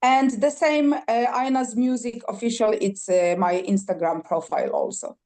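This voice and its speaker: Her voice sits at medium pitch, creaky and darkish in tone. She's a singer-songwriter from Poland, a native Polish speaker, guesting on a podcast and chatting eagerly while stumbling over many fillers, repetitions and fresh starts.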